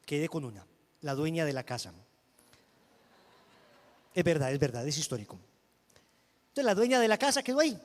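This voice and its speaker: A man preaching a sermon and telling a personal testimony, emphatic, moving between loud declaiming and hushed storytelling. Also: fairly high pitch, sing-song, normal speed, long pauses, big-room sound.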